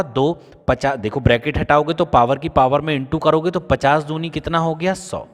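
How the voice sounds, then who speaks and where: A male maths teacher with a North Indian Hindi accent, leading a whiteboard lesson in a coaching-centre classroom. He sits slightly high for a man and talks through each step, posing a question and answering it himself. His voice rings out with a long reverb. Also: a bit bright.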